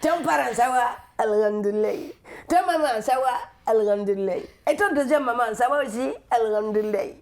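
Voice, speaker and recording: A woman's voice: on the high side, normal speed, a little hiss or hum, lightly acted. A woman voicing a smiling, generous Malian greeter with a Malian accent. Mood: beaming. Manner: smiling, warm, repetitive greetings.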